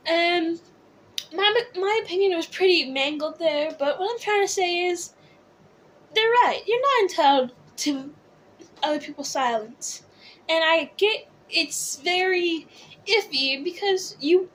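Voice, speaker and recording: A drag queen host chatting casually to viewers about opinions and comments, rambling conversationally with theatrical, drawn-out emphasis. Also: very high-pitched, a bit bright, slight background noise.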